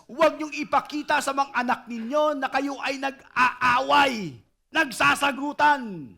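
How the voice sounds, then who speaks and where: Pastor guy preaching, kinda high voice, keeps asking the crowd if it's clear, lively and loud. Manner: animated, repeatedly calls on the congregation for responses. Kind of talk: sermon.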